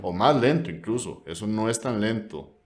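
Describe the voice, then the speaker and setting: A man's voice: lowish voice, animated, normal speed. A man gives a classical guitar lesson, patiently explaining and counting beats aloud as he demonstrates. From Costa Rica. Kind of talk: instructional lesson. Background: classical guitar strumming.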